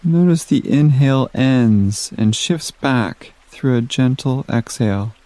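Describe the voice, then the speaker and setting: Speaking in a relaxed, mellow voice of medium pitch, a man guides listeners through a meditation at a very slow, unhurried pace. Long silences separate his soft, calming instructions, and the sound is dry, free of any room echo.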